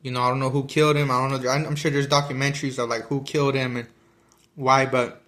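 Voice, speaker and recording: A man's voice: mid-range voice, flat delivery, fast, a bit bright. A man talking casually about a book he is reading, rambling with many fillers and restarts while he eats. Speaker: vlogger discussing a book. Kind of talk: casual chat.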